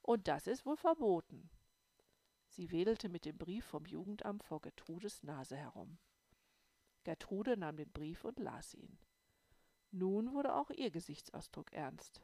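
A woman narrating a first-person audiobook in a calm storytelling manner. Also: on the low side, unhurried, no echo. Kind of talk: scripted narration.

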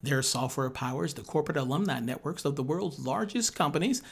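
A man who produces and co-hosts a podcast, joking dryly and reading the show intro in a slow radio-announcer delivery. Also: fairly high pitch, creaky, husky.

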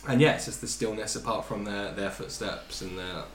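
A man's voice: on the low side, moderate pace, fairly bright tone, reverberant, slight background noise. A man narrating a tabletop game as game master, easygoing and correcting himself as he goes. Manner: easygoing, self-correcting narration with frequent throat clearing.

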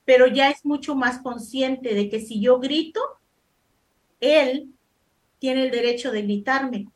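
High-voiced woman giving firm advice. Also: slow. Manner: firm, emphatic, repeats points for stress. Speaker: talk show panelist giving advice. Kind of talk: casual advice talk.

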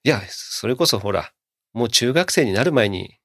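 A man hosting a podcast in casual chat, relaxed and laughing often, with quick agreeing interjections. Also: mid-range voice, creaky, no room sound, studio quality.

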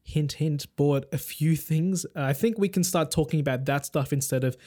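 A man's voice: a little high, moderate pace, dark tone. A young man hosting a casual tech podcast, rambling and joking with lots of fillers. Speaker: podcast host.

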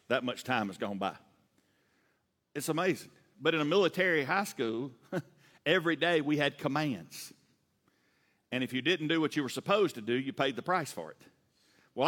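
A man in his late fifties with a Southern US accent, a pastor preaching a sermon fast and animated, asking the congregation questions. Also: mid-range voice, in a large hall. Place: church sanctuary.

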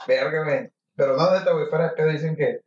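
A man's voice: fairly high pitch, fairly even intonation, fast talker. A man with a Mexican Spanish accent, co-hosting a casual podcast, full of slang and swearing. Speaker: podcast co-host. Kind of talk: casual joking chat with friends. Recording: dull, echoey, distant, noisy.

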